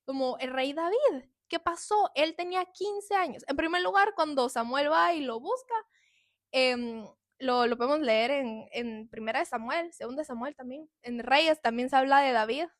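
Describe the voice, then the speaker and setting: High-voiced woman sharing testimony. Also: moderate pace, no echo, studio quality. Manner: emotional, confessional, with soft laughs. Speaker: podcast host. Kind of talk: personal faith testimony.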